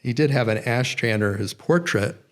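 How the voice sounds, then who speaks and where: A man's voice: medium pitch, normal speed. A middle-aged man giving a public lecture, rambling and correcting himself, with many fillers. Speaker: guest lecturer. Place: nature center event room.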